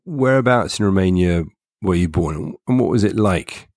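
Man, very low voice, dry recording, interviewer, probing questions. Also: lively intonation, moderate pace, a little mellow, dry recording.

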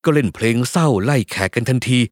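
A man narrating a first-person novel as an audiobook, telling it in a lively, expressive way. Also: medium pitch, quick pace, no echo, clean studio sound.

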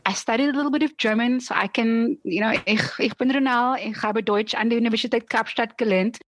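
Playful and quick to laugh, this Afrikaans-speaking South African woman is a guest in a relaxed interview chat. She talks fast in a slightly high voice, recorded with no echo.

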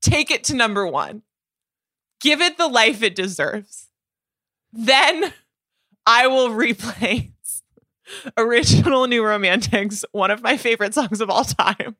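Bright-voiced chatty woman podcast host. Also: a little high, unhurried, pauses often, dry recording. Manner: animated, chatty, with many restarts and fillers. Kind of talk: casual music discussion.

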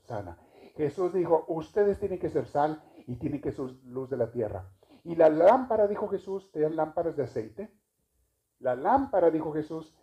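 A man's voice: fairly high pitch, warm tone. A man giving a homily at Mass, chatty and joking, asking the congregation questions. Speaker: priest. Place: church. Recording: dull lo-fi recording.

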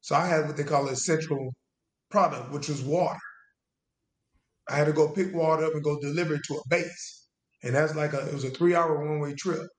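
A man in his forties tells his story as a guest, drawing out his words and circling back on himself with restarts. His voice sits a little high for a man. The room around him sounds echoey. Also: fairly even intonation. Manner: casual Southern US speech, drawn-out and halting with restarts. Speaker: interview guest, veteran. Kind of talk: conversational storytelling. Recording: roomy echo.

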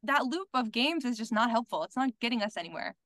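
A woman content creator appears as a podcast guest, her voice on the high side, animated, fast, and a bit bright, with no room sound. She talks candidly and outspokenly in casual conversation, filling it with lots of "like"s and the odd swear word.

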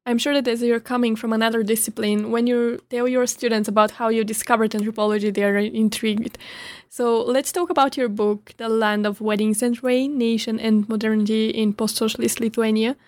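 A woman's voice: a little high, flat delivery, fairly quick, darkish tone, no room sound. A woman hosting an academic interview, asking polite, formal questions. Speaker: interview host, anthropologist.

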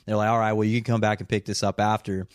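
A man's voice: lowish voice, fast talker, clear, resonant tone, dry recording, studio quality. A young man with a Southern Californian accent telling a wild story in casual chat, swearing often and laughing as he goes. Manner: profane, laughing, animated storyteller. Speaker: podcast co-host.

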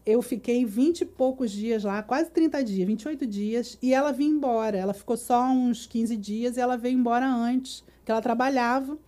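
A middle-aged woman with a high, mellow voice tells stories in a relaxed interview. She is lively and animated, and acts out the people she talks about. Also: normal speed, few pauses. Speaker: guest, Disney collector. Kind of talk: casual storytelling in a podcast interview.

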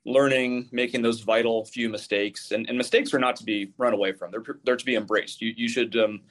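A man's voice: mid-range voice, fairly even intonation, a little fast, a bit bright. A man in his thirties, a real estate broker being interviewed, articulate but often restarting words. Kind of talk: casual interview.

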